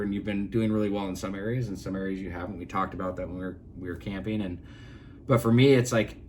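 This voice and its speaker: A man's voice: lowish voice, a little hiss or hum. A man co-hosting a casual podcast chat, talking earnestly and rambling with many fillers and restarts. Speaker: podcast co-host.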